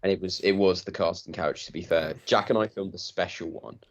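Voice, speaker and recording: A young man with a very deep voice, joking around on a podcast. His banter is teasing and relaxed. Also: brisk, a little hiss or hum. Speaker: podcast co-host. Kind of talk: casual chat.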